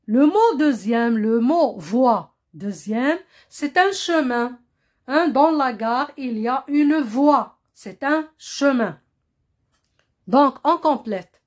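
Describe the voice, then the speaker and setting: A woman explains vocabulary to primary pupils at an unhurried, deliberate pace. Her voice sits a little high, and she repeats each word and keeps asking whether the class has followed. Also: expressive, darkish tone. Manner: patient, repeats words, checks with "hein?" and "compris?". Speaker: primary school teacher.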